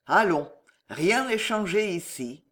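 A reader voicing an anguished male prosecutor who cries out high and loud in panic and murmurs low when stunned, in a storybook reading. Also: expressive, takes it slowly. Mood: tense.

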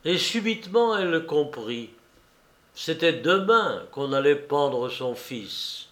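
Male narrator for a dark literary audiobook, slightly higher voice, unhurried pace. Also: sing-song, roomy sound. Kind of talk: audiobook reading of literary prose.

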